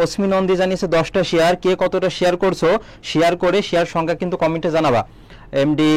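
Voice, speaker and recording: A young man runs a live exam-prep lesson, firing quick questions at his viewers and reading their answers aloud. His voice sits a little high for a man, and he keeps a steady teaching rhythm. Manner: quizzing viewers, reading out comments. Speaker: admission coaching teacher.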